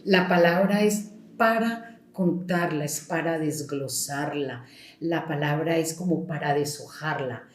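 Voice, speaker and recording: Speaking in a mellow, lowish voice, a Colombian woman storyteller talks reflectively and with emphasis, elongating key words. The setting is an echoey room.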